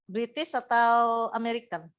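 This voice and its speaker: Woman, Indonesian accent, student, animated higher voice. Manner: lively, quick to agree, repeats phrases. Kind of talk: asking questions in class.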